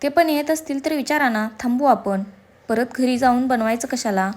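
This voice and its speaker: A caring young mother from an audio story talks in a warm, persuasive way, as a woman narrator puts her on. Her voice is fairly high and friendly. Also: moderate pace, close to an everyday voice.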